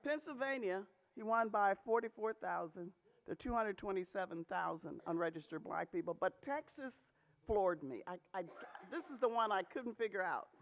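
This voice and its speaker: This woman has a mid-range, expressive voice and keeps a moderate pace. She delivers an emphatic talk to a church audience of pastors, repeatedly asking "okay?" and tossing out rhetorical questions.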